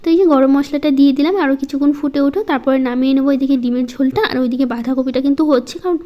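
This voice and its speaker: A woman narrating her home vlog in a slow, soft-spoken, halting way. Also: high voice, steady tone, highs cut off. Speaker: home vlogger. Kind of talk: casual voice-over vlog.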